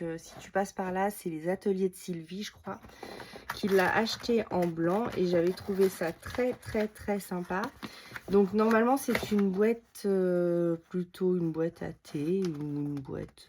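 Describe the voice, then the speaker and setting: A woman's voice: on the low side, darkish tone, a little hiss or hum. A woman vlogging a casual craft haul at her table, thinking aloud with lots of hesitations as she demonstrates products. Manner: reads out product details while handling items.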